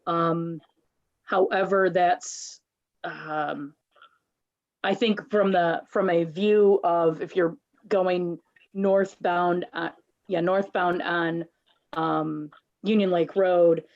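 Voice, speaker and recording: A woman answers questions at a public planning meeting, pausing often and restarting her sentences. Her voice sits on the low side. The audio is muffled and lo-fi, as over a video call. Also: steady tone, darkish tone. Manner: halting, many ums and restarts. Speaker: applicant presenting a site plan.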